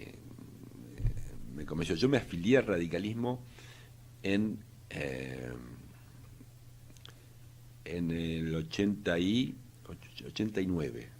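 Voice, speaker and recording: An older Argentine economist with an Argentine Spanish accent answers interview questions in a casual, hesitant way, full of fillers and restarts. His voice is very deep and slightly mellow, with a little hiss or hum in the recording.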